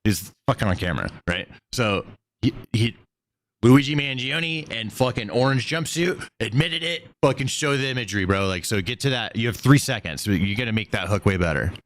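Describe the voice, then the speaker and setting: A man's voice: medium pitch, animated, dry recording. A man streaming casually and directing an editor in a blunt, bossy, sweary way, drawing out his S sounds. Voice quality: drawn-out S sounds. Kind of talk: casual live-stream talk.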